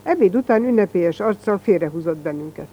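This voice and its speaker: A reader narrating a first-person story in a plain, even storytelling manner. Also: mid-range voice, muffled recording.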